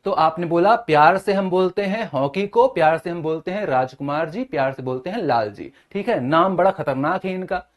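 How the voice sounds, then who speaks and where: Man teaching with quick memory tricks. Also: a little high, animated. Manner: mnemonic-heavy, keeps asking "है ना?" and "ठीक है?". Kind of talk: exam-prep lecture.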